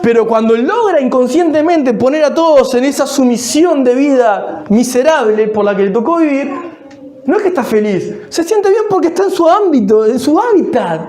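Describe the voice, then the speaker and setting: A man's voice: very high voice, animated, moderate pace, darkish tone. A man with a Rioplatense Spanish accent preaching a sermon as a pastor, emphatic and repetitive, firing rhetorical questions at the congregation. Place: church sanctuary. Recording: echoey church hall.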